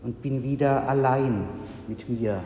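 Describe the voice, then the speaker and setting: Pastor man preaching real slow, mellow voice, long echo in a church hall. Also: medium pitch, steady tone, a little hiss or hum. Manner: slow, measured, with solemn pauses. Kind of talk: sermon.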